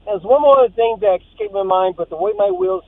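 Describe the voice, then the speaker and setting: A man's voice: high-pitched, fast, no echo. A man calling in to a sports radio show, friendly and rambling, joking at his own expense. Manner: friendly, rambling, self-deprecating. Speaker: caller. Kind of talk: phone call to a radio show. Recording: tinny phone line.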